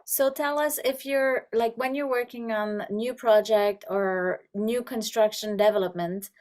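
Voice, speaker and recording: A woman's voice: mid-range voice, a little mellow. A woman hosting a podcast, interviewing in a casual, conversational style.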